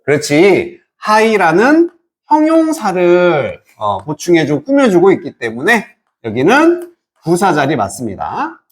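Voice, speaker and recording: A man with a high-pitched voice lectures through an English reading lesson. He asks his own questions and answers them himself. He draws out English words slowly.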